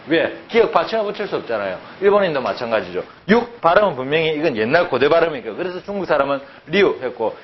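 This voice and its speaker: Man, lecture, lively, higher voice, dull lo-fi recording with faint noise. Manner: animated, asks rhetorical questions, repeats words to drill them. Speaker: language teacher. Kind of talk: classroom lecture.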